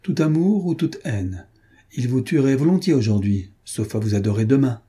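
A man's voice: mid-range voice, very animated, mellow, breathy edge. A man doing a courteous authoritative doctor. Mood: reflective. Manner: courteous, measured. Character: polite, authoritative male doctor.

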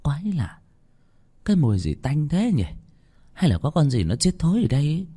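A man doing a shrill, panicky village woman. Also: sing-song, fairly quick, warm tone, slightly rough. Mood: uneasy, sniffing. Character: frightened middle-aged village woman food seller.

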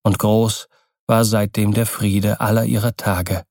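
Male audiobook narrator, unhurried pace, dry close sound, measured storytelling. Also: on the low side, flat delivery, a little mellow, no echo. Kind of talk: scripted narration.

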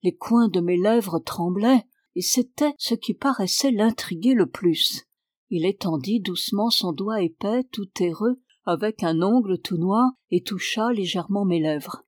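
Woman, literary reading, measured and clear, mid-pitched, dry close recording. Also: a little mellow, no room sound. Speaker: reader.

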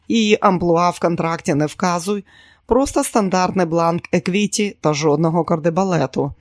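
A man playing a smooth, easygoing theatre agent. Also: sits high, no room sound, studio quality.

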